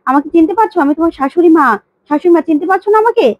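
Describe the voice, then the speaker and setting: A woman's voice: extremely high pitch, racing, no room sound, highs cut off, pitched above the performer's own voice. A woman voicing an indignant elderly grandmother who complains and questions.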